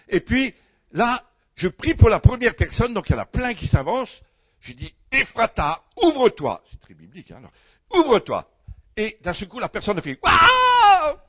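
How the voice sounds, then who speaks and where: A man preaching a sermon, telling a personal story with bursts of loud emphasis and asides to the congregation. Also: fairly high pitch, slightly rough, dry recording.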